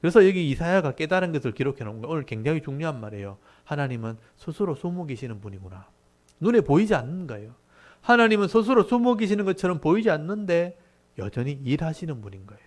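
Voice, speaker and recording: A middle-aged male pastor delivers a sermon at a fairly high pitch for a man. He works through scripture line by line, acting out the grumbling questions of the people with rising emphasis before dropping back to a calm explaining tone. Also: fast.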